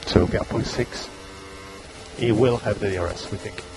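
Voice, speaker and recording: A man's voice: fairly low pitch, moderate pace, poor audio. A man working as race engineer, giving terse, clipped pit radio calls over a team radio link, repeating gaps and status updates. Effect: team radio transmission.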